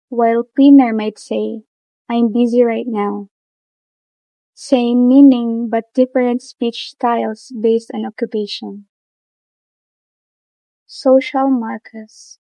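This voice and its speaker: Slow, mellow-voiced young woman presenter. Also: a little high, dry recording, rough recording. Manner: slow, careful reading with short phrased pauses. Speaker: student presenter. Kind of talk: reading a class report.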